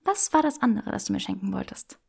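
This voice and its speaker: A woman's voice: medium pitch, very animated, fast talker, creaky, husky, heavily acted. A woman voicing a playful, bold young witch who teases and often whispers. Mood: teasing.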